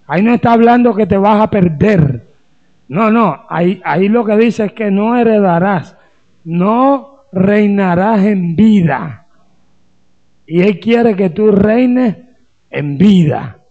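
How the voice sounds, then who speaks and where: A man's voice: high-pitched, lively intonation, unhurried, highs cut off. A man from Colombia, a pastor preaching a sermon with humor and rhetorical questions.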